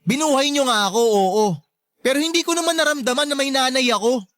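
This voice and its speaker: In an emotional radio drama, a young adult man plays a resentful, neglected grown son, sounding hurt and reproachful yet respectful and plaintive. His voice is very high-pitched, fast, and a bit bright. The recording is dry with a clean studio sound.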